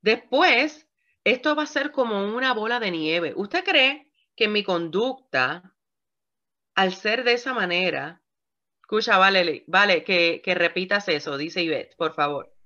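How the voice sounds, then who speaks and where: A woman's voice: medium pitch, a little slow. A woman pastor preaching a sermon to women, asking her listeners questions as she goes. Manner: lively preaching, asks the audience questions. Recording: dull lo-fi recording.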